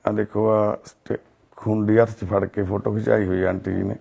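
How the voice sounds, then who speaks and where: A man speaks in a low, gravelly voice, gentle and reverent as he reassures an elderly couple. He is a charity volunteer making an on-the-spot appeal inside a family home. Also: little pitch movement, moderate pace. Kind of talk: on-the-spot appeal and consoling talk.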